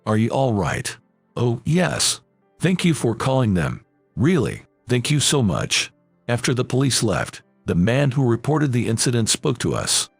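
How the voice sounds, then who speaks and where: A man's voice: mid-range voice, big pitch swings, unhurried, gravelly, husky, no echo, soft background music. A man reading a first-person drama story aloud as narrator, voicing every character in the same plain voice.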